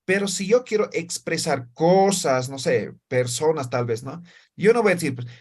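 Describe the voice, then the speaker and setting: High-voiced male teacher. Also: animated, normal speed, a little mellow. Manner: explanatory, keeps checking with students. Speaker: language teacher. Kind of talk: classroom lesson. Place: classroom with students.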